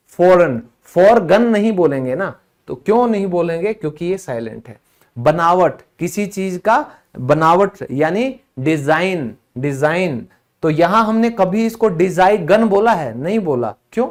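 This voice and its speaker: A man's voice: sits high, darkish tone. A man teaching an English pronunciation lesson, often asking rhetorical questions and repeating words for practice.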